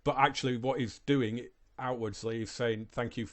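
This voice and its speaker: A man's voice: medium pitch, steady tone, normal speed. Hesitant man reacting to a video. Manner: hesitant, repeats words, thinks aloud. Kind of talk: casual reaction commentary.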